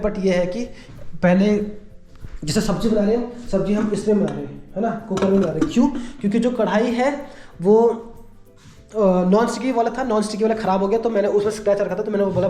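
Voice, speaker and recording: A man's voice: sits high, dark tone. A man from India chatting casually in a home vlog, rambling and leaning on a habitual filler phrase. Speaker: vlogger.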